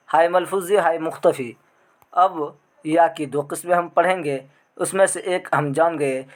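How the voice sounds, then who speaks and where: A man teaching an online grammar lesson, asking questions and answering them himself, drawing out the example words. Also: on the high side.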